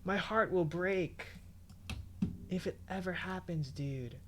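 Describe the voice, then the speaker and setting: A man with a high voice speaks slowly on a livestream with music in the background. He's a game streamer reading forum posts and reacting to them in casual, slangy chat.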